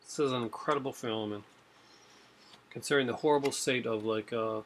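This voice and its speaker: Here a middle-aged man from Newfoundland, Canada, speaks fairly quickly at medium pitch, with a light local accent and a little hiss or hum. He's a video host at home, in a room with shelves and a TV, chatting casually on webcam about his purchases and rambling with many fillers.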